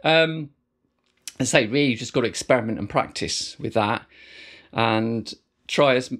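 A middle-aged man teaching didgeridoo techniques in a relaxed, rambling way, full of fillers and restarts. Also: medium pitch, normal speed. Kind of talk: casual instructional explanation.

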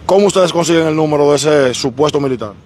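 A man, interviewing people on a busy street with a handheld mic, asking brisk questions. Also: a little high, darkish tone, a little hiss or hum. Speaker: street reporter.

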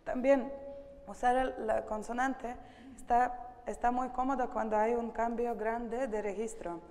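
A woman with a Russian accent, a vocal coach leading a singing masterclass who explains slowly and breaks into sung phrases. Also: on the high side, little pitch movement, darkish tone. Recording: long hall reverb.

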